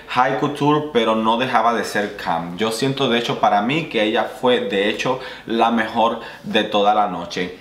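A man's voice: medium pitch, a bit bright. A young man, a drag queen, giving emphatic, opinionated commentary in a casual vlog. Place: small indoor room. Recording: roomy echoey room.

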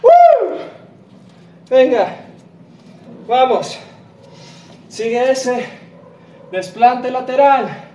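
Barking Mexican gym coach, high-pitched man. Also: slow pace, long pauses, dull audio. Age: young adult. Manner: barking gym coach, shouting counts and encouragement. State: exerting himself. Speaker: fitness coach. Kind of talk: live workout instruction. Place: walled home patio, outdoors. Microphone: camera several meters away. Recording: roomy, distant microphone, music behind.

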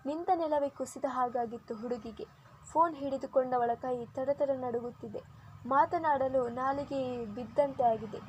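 A woman's voice: high voice, unhurried, darkish tone, a little hiss or hum. A woman narrating a romance serial as an audiobook, reading every character herself. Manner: reads all characters herself with light shifts. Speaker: storyteller.

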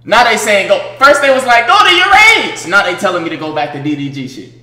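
A man's voice: high-pitched, lively intonation, quick pace, sharp tone, reverberant. A young man chatting casually on a livestream in slang, incredulous and repeating his phrases. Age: young adult. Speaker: game streamer. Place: indoor streaming room at a gaming chair.

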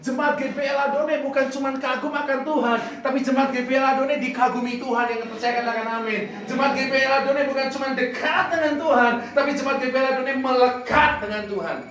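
A man's voice: very high voice, fairly even intonation, fast talker, few pauses, crowd noise. A man preaching a sermon as pastor, playful and teasing, throwing questions at the congregation. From Indonesia. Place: church hall. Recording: echoey hall, far from the mic.

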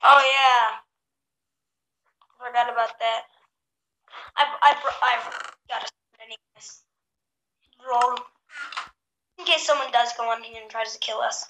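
A woman's voice: on the high side, steady tone, a little slow, long pauses, bright, forceful tone. Woman with echoey bathroom sound. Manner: chatty, talks to viewers. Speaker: gaming channel host. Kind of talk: casual game chat. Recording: echoey bathroom, faint noise.

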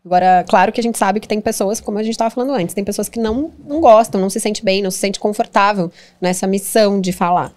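Uma mulher brasileira, convidada de podcast, refletindo em tom encorajador numa conversa. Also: female voice, medium pitch, fast, hardly any pauses, darkish tone. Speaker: podcast co-guest. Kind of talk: conversational interview.

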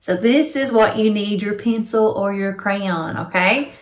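A middle-aged woman kindergarten teacher giving a children's reading lesson in an animated, simply questioning way, as if reading to a toddler. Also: medium pitch, measured pace. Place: small room at home, indoors.

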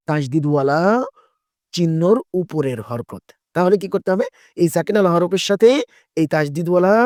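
A man's voice: fairly high pitch, warm tone, no echo, studio quality. A man teaching a Quran recitation lesson, patiently spelling out letters and asking and answering his own questions.

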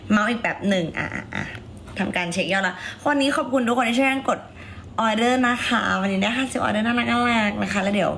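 A hoarse woman with a raspy voice, chatting playfully and coaxing viewers while selling on a livestream. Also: medium pitch, brisk, a bit bright, slight background noise. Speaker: livestream seller. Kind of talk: casual livestream chat.

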